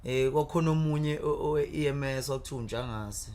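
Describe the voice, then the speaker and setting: Fast-talking Zulu man, chatting as a guest. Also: mid-range voice, a little mellow. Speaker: guest, poet. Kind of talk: conversational interview storytelling.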